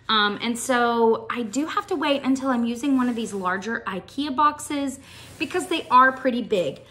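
Woman, high voice, chatty, enthusiastic, casual show-and-tell vlog. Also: fairly bright tone. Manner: chatty and enthusiastic, with frequent ums. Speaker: shoebox packing vlogger.

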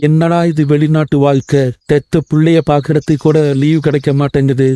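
A man playing a homesick young husband, flat-voiced. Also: medium pitch, lightly acted. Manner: earnest and pleading. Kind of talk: Tamil cartoon voice acting.

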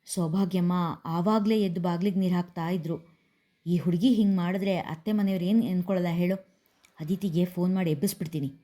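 A woman's voice: fairly low pitch, steady tone, fairly quick, warm tone, lightly acted. A woman voicing an anxious middle-aged mother who frets and complains like a young girl. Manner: worried, complaining.

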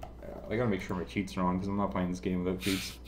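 Laid-back young man, lower voice. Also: little pitch movement, fast, noisy background. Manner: laid-back, swears a lot. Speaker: let's play host. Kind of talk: casual gameplay commentary. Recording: roomy, loud game music behind. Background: game music.

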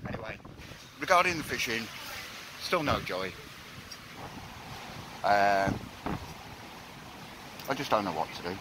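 A man's voice: on the low side, very animated, slow, pauses often. An older man chatting casually to viewers in an outdoor fishing vlog, with wind on the mic. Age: older, around 50s to 60s. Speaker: angler vlogger. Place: outdoors on a windy seaside pier. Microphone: handheld or tripod-mounted phone. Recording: loud wind buffeting the mic. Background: wind and sea noise.

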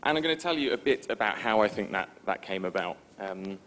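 A man giving a conference presentation in a relaxed, informal, self-deprecating way, with frequent ums. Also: on the low side, brisk. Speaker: conference speaker. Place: conference stage before an audience.

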